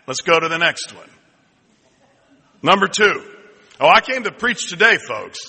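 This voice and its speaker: A male senior pastor delivers his sermon in a bright, ringing tone that sits a little high. His preaching is conversational and humorous, full of asides to the congregation. A long hall reverb trails behind every phrase. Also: lively intonation, a little slow, slight background noise. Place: church sanctuary.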